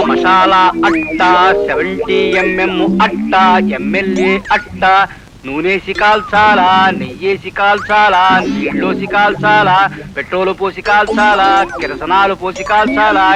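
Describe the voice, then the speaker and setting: An actor playing a man who tells a silly story and slowly recites long lists of dishes and drinks. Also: very high-pitched, rough recording. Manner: drawn-out listing, slow deliberate recitation. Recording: film soundtrack with music.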